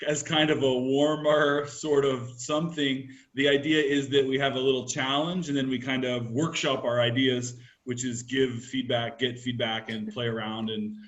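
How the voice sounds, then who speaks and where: A man co-hosting a teachers' video call, calmly explaining a warm-up game with lots of "kind of". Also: medium pitch, normal speed, hardly any pauses, muffled recording. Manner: relaxed, hedging with "kind of". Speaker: co-host.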